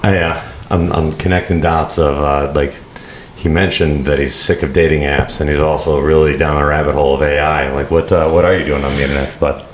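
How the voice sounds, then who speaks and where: Very deep-voiced man, halting and rambling. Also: little pitch movement. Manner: halting, many uh fillers, rambling. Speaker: podcast guest. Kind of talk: casual podcast chat. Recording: roomy studio with faint hiss.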